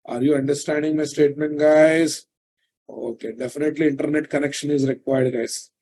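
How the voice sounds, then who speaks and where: With a Telugu Indian accent, a middle-aged programming instructor runs a live online class indoors from a computer, repeating phrases while dictating notes and quizzing students. His voice is a little high and mellow, with little pitch movement and a brisk pace.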